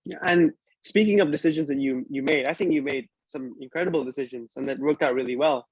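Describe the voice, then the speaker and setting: Very fast-talking male interviewer, dry sound. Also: medium pitch, darkish tone, breathy edge, no echo, dull audio. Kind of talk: conversational sports interview.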